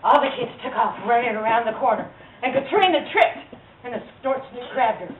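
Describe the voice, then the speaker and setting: A woman's voice: on the high side, animated, fairly quick. A woman telling a children's story live in a theatrical, folksy, emphatic manner. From Louisiana, USA. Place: live before an audience of children, distant mic. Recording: tinny, distant, echoey live recording with noise.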